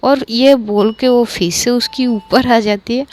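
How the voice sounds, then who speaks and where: A woman's voice: on the high side, fairly even intonation, unhurried, darkish tone. A woman narrating a romance story in a casual, conversational way, full of fillers. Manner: conversational retelling, filler-heavy.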